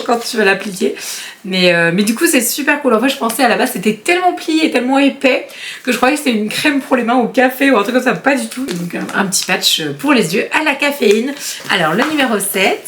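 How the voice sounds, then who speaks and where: Woman beauty vlogger, chatty and giggly, lots of ums, faint hiss behind her. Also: a little high. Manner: chatty, animated, laughs often, many fillers. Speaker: beauty YouTuber. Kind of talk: casual unboxing vlog.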